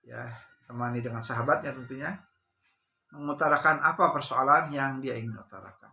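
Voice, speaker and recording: Bright-voiced male preacher telling a story. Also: medium pitch, brisk, creaky. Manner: repetitive, addresses listeners as brothers. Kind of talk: sermon storytelling.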